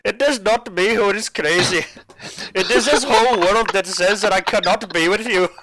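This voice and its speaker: A man voicing an obsessive yandere lover, with a slow, overdramatic delivery. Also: sits high, noisy background, natural voice. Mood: melodramatic.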